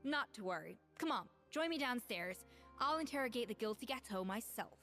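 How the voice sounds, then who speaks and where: An actress playing a self-assured young woman head chef in a video game, measured, firm and slightly wry. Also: on the high side, expressive, bright, forceful tone, soft background music.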